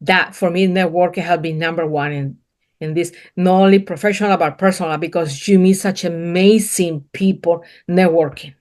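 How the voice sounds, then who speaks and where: A woman's voice: fairly low pitch, fairly even intonation, normal speed, darkish tone. A middle-aged woman from Colombia, speaking English with a thick Colombian accent as a non-native speaker. She is a business owner being interviewed, and she talks earnestly in broken English, often repeating words. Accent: Colombian Spanish. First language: Spanish. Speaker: guest, painting business owner. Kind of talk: casual interview conversation.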